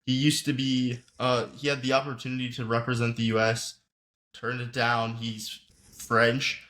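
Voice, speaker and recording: A man's voice: mid-range voice, little pitch movement, normal speed, a bit bright. Man, podcast co-host, casual chat, blunt, joking, mid-range voice.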